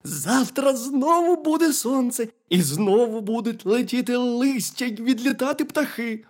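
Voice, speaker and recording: A bright, high-pitched little hedgehog who keeps coaxing and reassuring his friend, his voice bouncing up and down with eager sympathy, as a storyteller puts him on. Loud, quick exclamations in a storybook style. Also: expressive, natural voice. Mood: soothing. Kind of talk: storybook reading.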